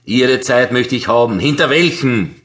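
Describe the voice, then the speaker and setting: A man voicing a bossy, self-satisfied male postmaster who scolds loudly. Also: medium pitch, normal speed, close to an everyday voice. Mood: scolding, mocking. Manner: loud, scolding.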